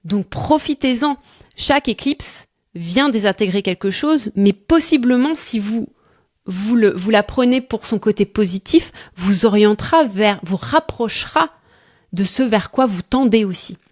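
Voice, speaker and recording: A woman talks through astrology in a relaxed, chatty way, often pausing and restarting as she searches for words. She sounds tired, laughs easily, and the sound is dry and close. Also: medium pitch, no room sound. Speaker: astrology coach co-host. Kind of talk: casual astrology talk.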